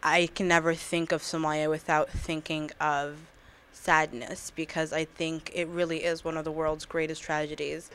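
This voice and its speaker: A woman's voice: sits low, flat delivery, moderate pace, fairly bright tone, clear, resonant tone. A young woman giving earnest, reflective interview answers on webcam in a small indoor room. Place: small indoor room against a plain wall.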